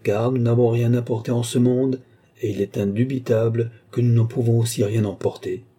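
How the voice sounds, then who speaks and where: A man voicing a male pastor who reads funeral scripture slowly and solemnly. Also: mid-range voice, fairly even intonation, mellow, husky, natural voice. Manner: slow, solemn liturgical reading.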